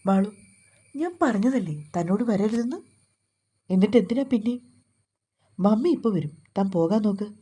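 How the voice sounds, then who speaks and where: A woman's voice: mid-range voice, normal speed, long pauses, slightly rough. A woman voicing a withdrawn young man who answers curtly and dismissively, in a storybook reading. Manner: curt, flat, dismissive.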